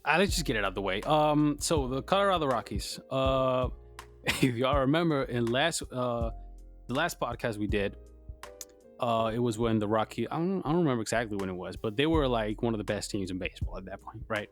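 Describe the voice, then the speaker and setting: A man's voice: medium pitch, expressive, fairly quick, faint music behind. A man co-hosting a podcast, talking casually with slang and teasing his co-host in a mock-dejected way. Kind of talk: casual sports chat.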